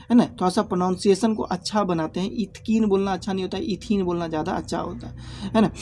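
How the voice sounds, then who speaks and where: A man's voice: high voice, steady tone, fast, darkish tone, slight background noise. A male teacher giving a step-by-step classroom lesson, repeating key points and checking understanding with short tag questions.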